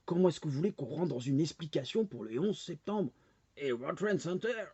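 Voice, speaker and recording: A man's voice: fairly high pitch, expressive, fairly quick, warm tone, breathy edge, no room sound. A man in his forties ranting angrily to camera, hammering his audience with rhetorical questions. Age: 40s. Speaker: vlogger. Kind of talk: angry monologue rant. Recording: dull lo-fi dry recording.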